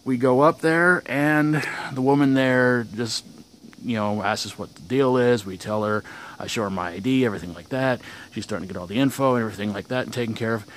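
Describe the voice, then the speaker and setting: A man's voice: mid-range voice, fairly quick, slight background noise. A young man telling a casual vlog story outdoors, rambling, with restarts and chuckles. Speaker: vlogger.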